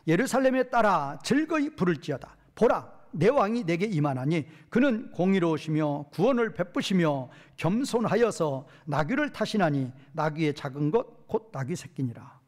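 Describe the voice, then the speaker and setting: A male pastor giving an expository Bible lecture, posing questions to his hearers and answering them himself, reading verses slowly. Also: fairly high pitch, darkish tone. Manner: reads verses slowly and drawn out.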